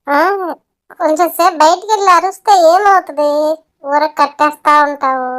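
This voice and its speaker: Cheeky whiny pet dog, voiced by a woman, high-pitched, gripes to camera. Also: lightly acted. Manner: complaining, chatty address to viewers.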